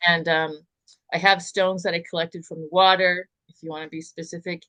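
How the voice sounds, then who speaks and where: A woman's voice: on the low side, flat delivery, moderate pace, pushed and bright, no echo. A woman on a call who asks a rambling question in a hesitant way, stopping and restarting often. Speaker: caller.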